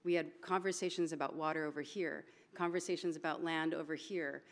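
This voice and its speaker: A woman moderates a panel from a conference stage. Her voice sits on the low side, and she speaks in an informal way, dropping in words. Her voice carries the long reverb of a large hall. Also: steady tone, fairly quick. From Hawaii. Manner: informal, mixes in Hawaiian words.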